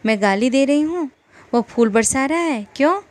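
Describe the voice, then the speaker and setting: A woman's voice: high-pitched, animated, moderate pace, background noise, pitched above the performer's own voice. A woman narrator voicing a fierce, defiant village wife who scolds sharply. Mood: furious.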